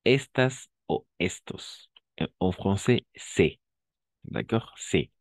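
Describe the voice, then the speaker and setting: Low-voiced male French teacher, very dry sound. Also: expressive, no room sound. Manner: patient, repeats and models words slowly, checks understanding often. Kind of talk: language class explaining pronunciation.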